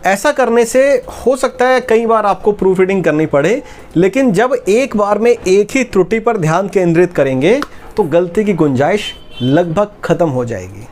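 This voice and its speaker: A man's voice: high voice, expressive, normal speed, darkish tone. A man explaining step by step in a tutorial and speaking to viewers as friends. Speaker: publishing instructor. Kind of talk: tutorial talk.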